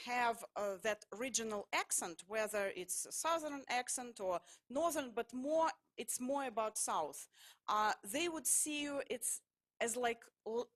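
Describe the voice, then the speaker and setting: Halting woman. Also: on the high side. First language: Russian. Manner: halting, full of hesitations and restarts. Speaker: speaker at a public talk. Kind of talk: lecture-style public talk.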